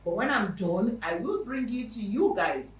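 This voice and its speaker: A woman's voice: medium pitch, moderate pace, roomy sound, distant mic, rough recording. A Nigerian woman hosting a real estate show, talking casually to her viewers with emphatic repetition. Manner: lively and chatty, with emphatic repetition.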